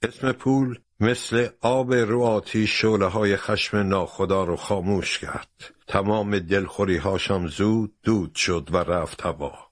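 A man narrating a storybook in a steady, expressive reading voice. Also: lowish voice, few pauses, no echo, studio quality.

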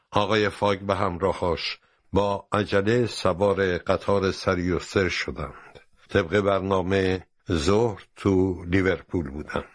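A man narrating a storybook in a steady, expressive reading voice. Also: deep voice, no echo.

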